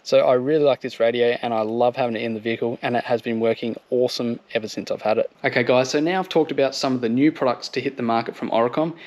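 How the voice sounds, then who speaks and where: An Australian man in his thirties, a vlogger, casually walks his viewers through a review of vehicle gear outdoors on a home driveway beside a vehicle. His mid-range, darkish voice is fairly even in intonation, and he talks fast with hardly any pauses on a lo-fi recording.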